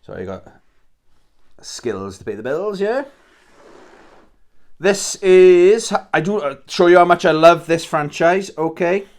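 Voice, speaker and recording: A Welsh man rambles casually and enthusiastically about his game collection on his own YouTube channel, swearing freely and often restarting sentences. His voice sits high and is expressive, with a slow pace and long pauses.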